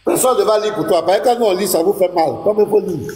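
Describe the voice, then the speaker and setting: Male pastor hosting a live debate; high, dark-toned, pushes the same question repeatedly. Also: quick pace. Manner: insistent, repeats his question over and over. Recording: roomy echo.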